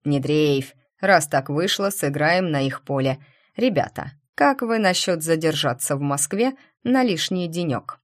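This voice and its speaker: A woman's voice: sits low, animated, unhurried. A woman voicing a confident male bandmate who reassures his friend steadily. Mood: reassuring.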